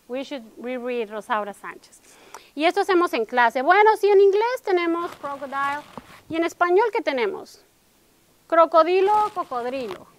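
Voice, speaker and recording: High-voiced Mexican woman presenting a workshop. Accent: Mexican Spanish. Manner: code-switches between Spanish and English, frequent tag questions. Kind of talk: academic workshop talk.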